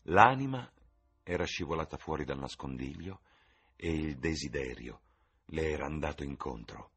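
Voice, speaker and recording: Deep husky male audiobook narrator. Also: lively intonation, moderate pace, fairly bright tone. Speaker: audiobook reader.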